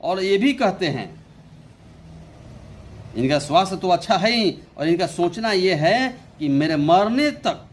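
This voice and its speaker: A young man teaching an English poem in Hindi as an Indian English speaker, talking slowly, repeating his phrases and reading the English lines very slowly. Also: high-pitched, expressive, slight background noise. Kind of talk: Hindi poetry lesson explaining a poem.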